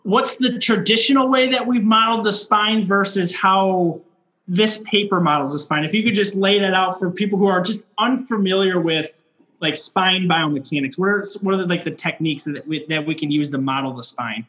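A friendly, enthusiastic male co-host with a somewhat high voice for a man. He tends to repeat himself as he lines up his questions. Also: normal speed, bright, forceful tone. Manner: friendly, enthusiastic, slightly repetitive. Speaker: podcast co-host. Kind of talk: casual podcast hosting.

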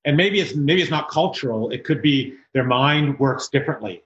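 A man from South Africa hosting an interview podcast, talking reflectively and haltingly, with repeated words. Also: mid-range voice, animated. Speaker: podcast host. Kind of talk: casual interview chat. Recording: roomy, dull sound.

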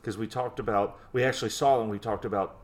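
A man in his forties co-hosts a podcast, chatting casually and nostalgically and often restarting his sentences. He talks fast in a lowish voice with fairly even intonation.

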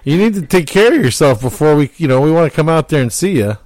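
A man's voice: a little high, expressive, fast talker, a little mellow. A middle-aged man hosting a radio show, trading crude jokes in casual banter. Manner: bawdy, joking. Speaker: radio show host and comedian.

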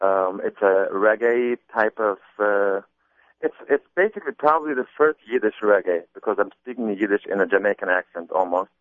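A man with a lowish voice talks casually about making his album, often restarting and repeating words as he goes. The sound is thin and phone-like, with a dry, close feel and no room echo. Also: animated, a little fast. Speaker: comedy album artist. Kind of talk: casual interview talk. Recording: muffled phone-line sound.

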